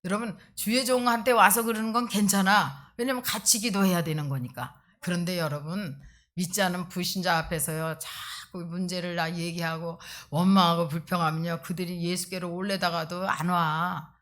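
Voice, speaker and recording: A middle-aged woman pastor preaching a sermon in an emphatic, conversational way, tossing in quick rhetorical asides to the congregation. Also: on the low side, steady tone, fairly bright tone.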